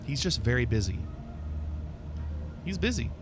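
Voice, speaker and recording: A man's voice: mid-range voice, very animated, measured pace, background noise. A man chatting casually and animatedly as he commentates a live flight sim stream.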